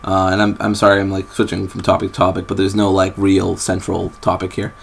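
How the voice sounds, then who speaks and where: Rambling low gravelly young man. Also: monotone, brisk. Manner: rambling, apologetic, with many fillers and restarts. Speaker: vlogger. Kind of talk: rambling casual vlog. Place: bedroom, sitting on a bed. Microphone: built-in camera mic.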